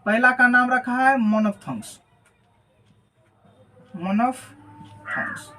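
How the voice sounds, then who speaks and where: A woman's voice: a little high, lively intonation, unhurried, background noise. A woman teacher explaining phonetics at a board. She repeats key words, asks questions and answers them herself, and keeps checking that students follow. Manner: often adds a checking "right?" tag. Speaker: English teacher. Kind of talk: classroom lesson explaining phonetics.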